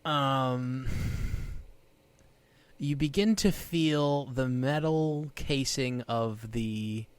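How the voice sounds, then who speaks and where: A man narrating a tabletop game as game master, describing scenes in an unhurried, halting way with many pauses. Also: mid-range voice, clean tone, no room sound.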